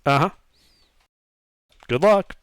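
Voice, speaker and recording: A man voicing a gruff, sarcastic half-orc in a tabletop game, blunt and grumbling. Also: fairly high pitch, animated, takes it slowly, no echo, clean studio sound, pitched above the performer's own voice.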